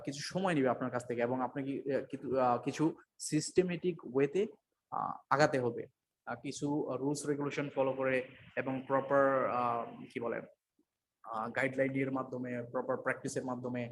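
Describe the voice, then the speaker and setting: A man's voice: medium pitch, steady tone, fairly quick, a little hiss or hum. Hesitant man teaching English pronunciation. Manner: hesitant, many fillers and self-corrections. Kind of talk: unscripted lecture mixing Bengali and English.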